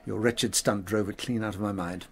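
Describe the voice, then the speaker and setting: A man with an English accent acting in a radio drama as a loyal, blustery, exasperated gentleman doctor. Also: on the low side, steady tone, moderate pace, breathy edge. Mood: grudging, puzzled.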